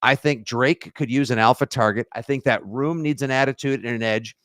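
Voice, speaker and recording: New guy cohosting a sports podcast, jokey and animated, dry sound. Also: medium pitch, fairly quick, dry recording. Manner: animated, jokey, slips into silly voices. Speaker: podcast co-host. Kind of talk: casual sports podcast chat.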